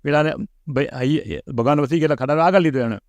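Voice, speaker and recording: A middle-aged man, an interview guest, telling a personal pilgrimage story in an animated way and acting out the lines he quotes. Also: medium pitch, fast, dry recording, lo-fi sound. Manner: animated, acts out quoted speech.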